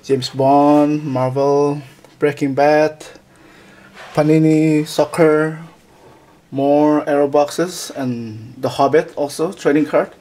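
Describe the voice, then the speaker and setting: Holding a camera with its built-in mic, a man shows off his indoor collection room in a casual, halting way, full of fillers and false starts. His voice is fairly high and warm, with little movement in pitch.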